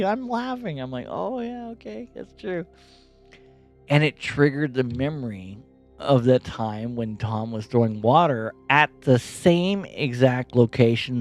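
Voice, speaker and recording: Animated man laughing through a story. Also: fairly low pitch. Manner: laughs often, animated retelling with swearing. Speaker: podcast host. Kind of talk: casual personal storytelling. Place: bedroom.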